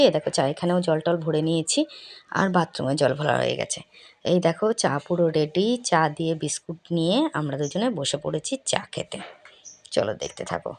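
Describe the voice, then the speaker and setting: A woman's voice: lowish voice, a little mellow. A middle-aged woman chatting casually to her viewers as she shows her chores at home. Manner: chatty, addresses viewers as friends. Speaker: vlogger. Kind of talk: casual home vlog chat.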